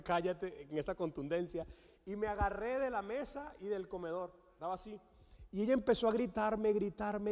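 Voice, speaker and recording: A man with a Venezuelan accent, a guest pastor, preaching a sermon with animated storytelling and acted-out quotes. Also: sits high. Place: church sanctuary. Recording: long church hall reverb.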